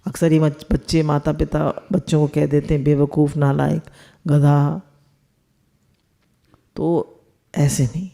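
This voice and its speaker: This is a spiritual teacher giving a discourse in a mellow, darkish voice. The talk moves through homely examples from family life. The teacher often turns to the listeners with rhetorical questions. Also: mid-range voice, level tone, moderate pace, vocal fry. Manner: explains with everyday household examples.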